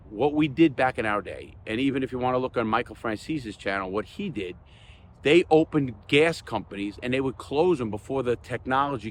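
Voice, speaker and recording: A man's voice: mid-range voice, fairly bright tone, a little hiss or hum. An older man talking off the cuff to his viewers, emphatic and earnest, repeating points for stress in a plain-spoken way. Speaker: host of a crime stories channel. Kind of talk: unscripted talk to viewers.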